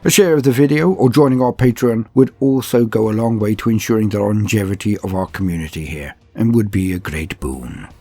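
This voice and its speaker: As host and narrator of a tabletop wargame lore channel, a man delivers scripted fantasy lore with theatrical, formal grandeur. His voice is on the low side and mellow, and he speaks briskly with hardly any pauses. Soft background music accompanies him.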